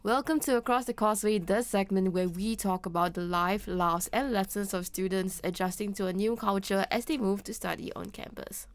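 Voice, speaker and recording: A woman's voice: mid-range voice, fairly even intonation, moderate pace, hardly any pauses, no room sound. A young woman co-hosts a campus radio show. She is playful and teasing, chatting easily with her co-host and guest. The sound is close and dry, with no room around it. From Singapore. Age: young adult. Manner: playful and laughing. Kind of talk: student radio hosting.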